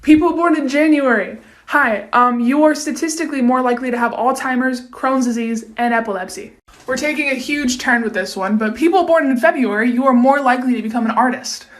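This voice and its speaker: A young woman sharing quick facts to camera in a chatty, blunt way that swears freely. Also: sits high. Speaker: TikTok fact sharer. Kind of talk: casual talk-to-camera facts.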